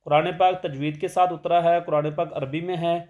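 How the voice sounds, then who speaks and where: A man teaching tajweed, explaining rules plainly and then reciting verses in a slow melodic chant. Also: a little high, fairly even intonation, darkish tone, muffled recording.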